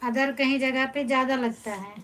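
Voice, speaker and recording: A woman from Pratapgarh, Uttar Pradesh, India, a folk singer hosting a live stream, patiently greets viewers by name and reads their comments aloud in casual chat. Her voice is high-pitched and bright, with a steady tone at normal speed. The recording is rough.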